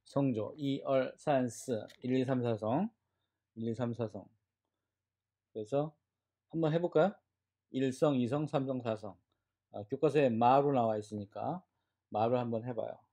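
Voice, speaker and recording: A man's voice: medium pitch, a little slow, long pauses, mellow. A man teaching a beginner Chinese class, explaining tones and drilling syllables aloud for students to repeat. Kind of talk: classroom lecture.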